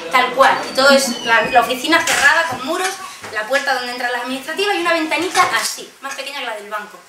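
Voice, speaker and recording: High-voiced woman telling stories in an echoey hall. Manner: animated, acts out quoted voices, laughs often. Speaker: conference speaker. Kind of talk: lively personal storytelling talk. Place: conference room. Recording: echoey hall, distant mic, background noise.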